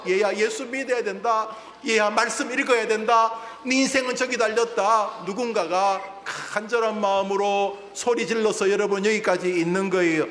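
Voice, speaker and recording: This male senior pastor has a high, slightly bright voice, and a little hiss or hum runs under the recording. He preaches in a reverberant church hall, leading the congregation through call-and-response and getting them to repeat his phrases.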